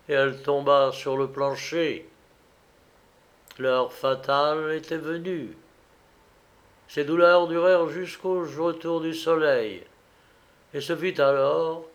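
A man reading a gothic tale aloud in a slow, dramatic storybook narration. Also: fairly high pitch.

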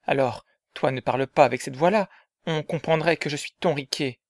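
A man voicing Riquet, an eager, affectionate young man in love, in a dramatized story reading, often hushed and conspiratorial. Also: a little high, moderate pace, close to an everyday voice.

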